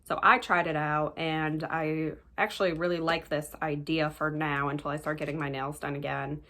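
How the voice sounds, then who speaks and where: A young woman with a low voice and a gravelly fry, reviewing her monthly beauty favorites in a relaxed, chatty way. She keeps recommending things straight to her viewers. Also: moderate pace. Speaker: beauty vlogger. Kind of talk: casual product review.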